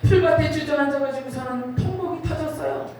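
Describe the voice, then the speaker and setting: A woman's voice: high voice, brisk, darkish tone, faint music behind. A middle-aged woman preaching a personal testimony at a revival, telling her story with emotional, dramatic swells. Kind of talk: sermon testimony. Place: large prayer retreat hall. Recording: very echoey hall, voice from far off.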